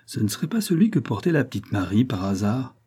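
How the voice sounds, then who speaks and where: A man's voice: medium pitch, quick pace, breathy edge. A man doing an eager police detective. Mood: excited. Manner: excited exclamations.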